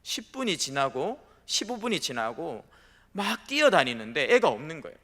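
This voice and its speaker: Here a male pastor's sermon comes in a slightly high, fairly bright, sing-song voice at a moderate pace. Storytelling dominates, and he performs the quoted voices of his characters as the church sanctuary lends a long hall reverb.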